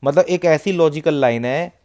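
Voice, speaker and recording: A man with a warm, fairly high voice explains a matka number chart to viewers at a moderate pace. Chatty and repetitive, the tipster walks through the chart one step at a time.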